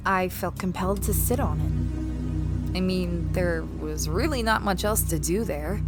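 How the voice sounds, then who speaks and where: A woman with a medium-pitched, lightly acted voice plays a space explorer recounting a strange expedition in first person. The audio drama has a reflective, curious mood and a conversational storytelling style.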